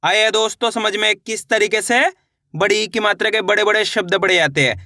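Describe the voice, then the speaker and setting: A man teaching beginners to read, sounding out each syllable slowly and then blending them into the word. He asks the same question before each answer and addresses viewers as friends. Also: sits high, bright, forceful tone, no room sound, clean studio sound. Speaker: Hindi reading teacher. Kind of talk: online reading lesson.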